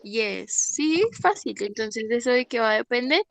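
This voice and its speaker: A woman's voice: on the high side, lively intonation, moderate pace, creaky, background noise. A woman teaching an English class online, explaining patiently and often checking that students follow. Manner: patient, checks understanding with frequent "¿listo?".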